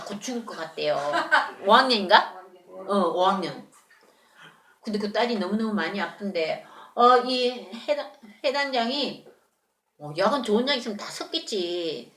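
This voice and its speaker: A woman telling a Bible story to children in church, animated and often asking them questions. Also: mid-range voice, reverberant. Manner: animated, asks children questions, acts out voices. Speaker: children's Sunday school teacher.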